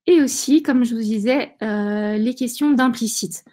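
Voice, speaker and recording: A woman's voice: on the high side, measured pace, darkish tone. A woman giving a live webinar demonstration over screen share, talking through an earpiece headset. She hesitates often, with many fillers and restarts. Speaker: presenter of a product webinar.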